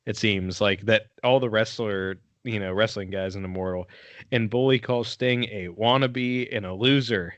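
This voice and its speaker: A man's voice: on the low side, normal speed, no room sound, lo-fi sound. A man co-hosting a podcast, telling the story in a laid-back, casual way and cursing now and then. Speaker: podcast co-host. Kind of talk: casual chat.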